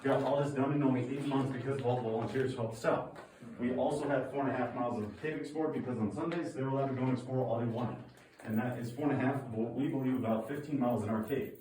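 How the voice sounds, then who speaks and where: A man's voice: medium pitch, steady tone, fast talker, dark tone. Guy giving a cave tour, casual n jokey, big cave echo, noisy background. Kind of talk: guided tour talk. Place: inside a cave. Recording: cave echo, distant mic, background noise.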